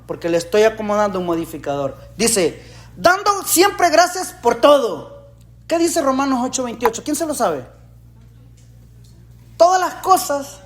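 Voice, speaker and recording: A man from El Salvador, preaching a sermon in an animated way, with rhetorical questions and jokey asides. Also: very high voice. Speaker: pastor.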